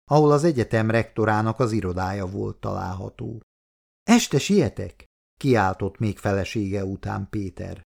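A man reading a novel aloud as audiobook narrator, in calm, even storytelling. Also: fairly low pitch, gravelly. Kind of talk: scripted narration.

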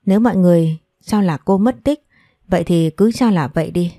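A woman voicing a gentle, polite young woman in an audio story, read in a soft, plain way. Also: fairly low pitch, brisk, no room sound, clean studio sound.

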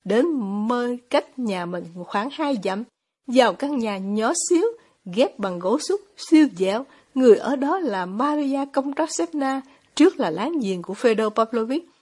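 Woman audiobook narrator, measured and steady, husky, slightly high. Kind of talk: audiobook narration of a classic novel.

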